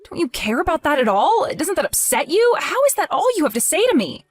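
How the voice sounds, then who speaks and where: A heartbroken young wife, voiced by a woman, pleads in a high, lively voice in a voice-acted text-message drama. Her pitch swings widely as her hurt builds. Faint music plays underneath. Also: fairly quick. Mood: hurt, pleading. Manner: emotional, pleading, voice rising and falling.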